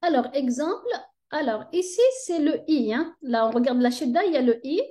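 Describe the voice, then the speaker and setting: A woman's voice: sits high, a little fast, mellow. A woman teaching a tutorial lesson on reading letters, patiently checking in with "ok?" as she goes. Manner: patient, checks understanding with frequent "ok?".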